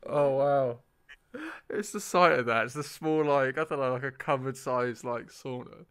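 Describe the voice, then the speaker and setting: A man hosting a casual podcast chat, teasing his guest with quick jokes. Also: medium pitch, a bit bright, clear, resonant tone. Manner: teasing, jokey interjections. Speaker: podcast host.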